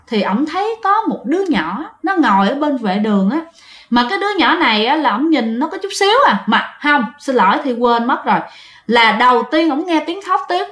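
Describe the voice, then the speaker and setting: A woman with a high, fairly bright voice tells a ghost story in a casual, chatty manner, talking straight to her listeners. The recording has a roomy echo.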